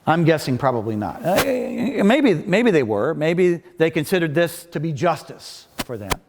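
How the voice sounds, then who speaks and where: A male preacher gives a sermon in a slightly high-pitched voice that rings through a large hall with long reverb. His delivery is measured, with pauses and restarts as he feels his way through each thought. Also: sing-song, noisy background. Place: large reverberant worship space.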